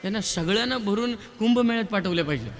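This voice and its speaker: A male devotional preacher delivering a lively sermon, teasing and quizzing his live audience. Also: sits high, quick pace. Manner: lively, quizzes and teases the crowd, counts raised hands. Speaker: kirtan preacher.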